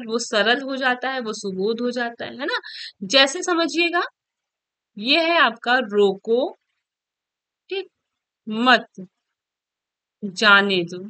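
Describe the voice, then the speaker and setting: A woman's voice: high-pitched, pushed and bright, dry recording. A woman teacher giving an online exam-prep lesson, explaining step by step, checking in often and writing on a board as she goes. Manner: writes and erases on a board while talking.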